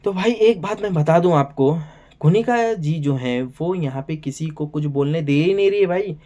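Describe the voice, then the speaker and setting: A man's voice: a little high, normal speed, warm tone. A man casually recapping and commenting on a reality show episode, chatty and full of filler words. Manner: chatty, keeps saying "bhai" and "yahan pe". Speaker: show reviewer.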